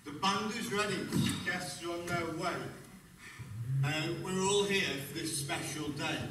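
A man playing a brisk, fatherly king in an amateur stage pantomime. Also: high-pitched. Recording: distant, echoey, very noisy stage recording.

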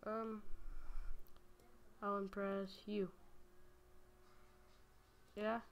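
A woman's voice: mid-range voice, measured pace, fairly bright tone, lo-fi sound, a little hiss or hum. A young woman casually commenting on her gameplay at home, chatty and giggly, talking to the creatures on screen. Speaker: gaming video host. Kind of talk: casual let's-play commentary. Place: home room. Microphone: home desk microphone.

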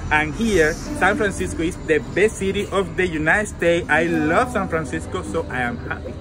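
A middle-aged man from Cuba with a Cuban accent and Spanish as first language, speaking halting, repetitive English in a street interview. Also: on the high side. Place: outdoors on a city street. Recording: music and traffic behind street voice.

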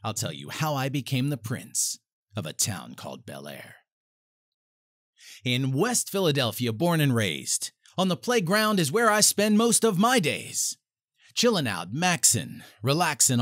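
Hammy, dramatic man with swooping pitch. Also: a bit bright, no echo, clean studio sound. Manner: theatrical, with big swings and drawn-out phrases. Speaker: voice-over performer. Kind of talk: hammy dramatic reading of rap lyrics. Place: small home studio with foam-treated walls. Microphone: close studio microphone.

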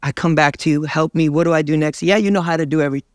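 A man's voice: a little high, racing, smooth, no echo. A young man speaking as an evangelist in an interview, fervent and preacher-like, in a dry studio. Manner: fervent, preacher-like, gestures while talking. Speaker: evangelist guest. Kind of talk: interview about faith. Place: dark studio set, seated.

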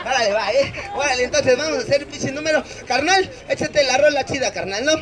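A man's voice: extremely high pitch, fast. A man with a Mexican Spanish accent performing street comedy, teasing and roasting the crowd with crude slang. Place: outdoors in a city plaza. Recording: loud crowd noise outdoors. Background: large crowd laughing.

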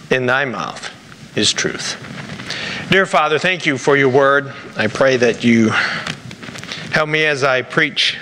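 A middle-aged pastor with a Rhode Island accent preaches and reads scripture in a halting, deliberate way, a man at a church pulpit. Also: medium pitch, sharp tone. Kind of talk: sermon with scripture reading. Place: large church sanctuary, at a pulpit. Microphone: lapel mic. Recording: echoey church hall with background noise.

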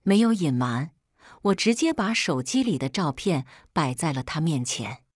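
Woman storyteller, steady scripted read, lowish and dry. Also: moderate pace, dry recording. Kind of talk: first-person scripted story narration.

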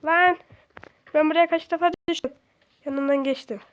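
A young woman giving casual, excitable commentary while playing a video game, swearing and shrieking at it. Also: sits high, normal speed. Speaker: gaming streamer.

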